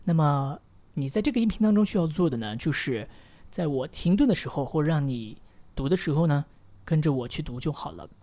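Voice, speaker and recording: A man teaching English pronunciation in a repeat-after-me audio lesson. He coaches patiently and encouragingly, modelling phrases slowly. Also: fairly high pitch, expressive, mellow.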